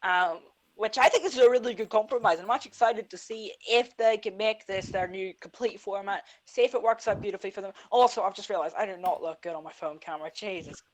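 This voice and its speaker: A woman co-hosting a casual esports podcast, chatty and excitable, her voice clipping and distorting through a phone microphone. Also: medium pitch. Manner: excitable, quick to laugh, chatty. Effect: clipping, distorted phone microphone peaking. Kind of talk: casual livestream podcast chat. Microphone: phone camera mic on mobile data.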